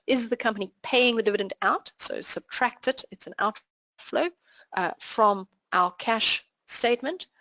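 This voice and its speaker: A woman's voice: medium pitch, a bit bright, no room sound. A woman with a South African accent explains accounting ideas step by step, the way a patient instructor would. Her voice sits in a middle register and is recorded dry, with a slightly muffled quality. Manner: clear explanatory teaching with worked examples. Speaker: finance instructor. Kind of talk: live online class lecture.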